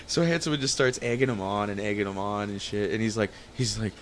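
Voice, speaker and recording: A man's voice: lowish voice, fast, a little hiss or hum. A man hosting a podcast, telling a story in casual chat. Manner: animated storyteller, acting out quotes. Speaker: podcast host.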